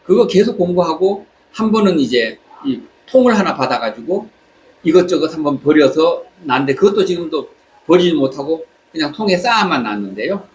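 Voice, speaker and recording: Halting, reflective man with swooping intonation. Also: a little high, animated, poor audio. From South Korea. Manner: halting, pausing between short phrases. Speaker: vlogger. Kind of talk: reflective spoken monologue while travelling. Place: on holiday in Southeast Asia. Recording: clear background ambient noise.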